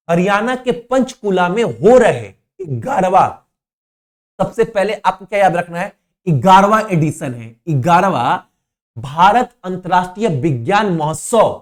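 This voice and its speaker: In a current affairs lesson for exam students, a man with a voice that sits high stresses and repeats the key points, answers his own questions, and drops in informal asides.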